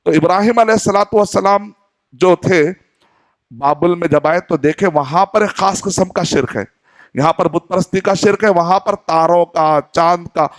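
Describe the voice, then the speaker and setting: A man's voice: high voice, dry recording. A man in his forties from Hyderabad, India, giving a sermon in an earnest teaching tone, posing questions and acting out short dialogues. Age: 40s. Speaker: Islamic preacher.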